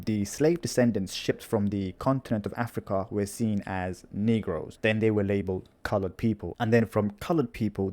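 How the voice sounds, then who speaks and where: Man, low voice, channel host, lecturing commentary, measured delivery. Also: mellow. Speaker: channel host replying to another video. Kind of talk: argumentative commentary.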